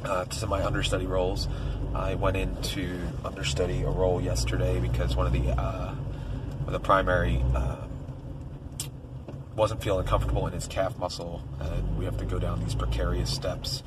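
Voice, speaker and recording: Gravelly, congested man with a low voice. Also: completely flat delivery, normal speed, distant mic. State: raw, congested throat. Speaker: vlogger and stage performer. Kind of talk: casual spoken diary. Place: in a car. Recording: noisy car and street ambience.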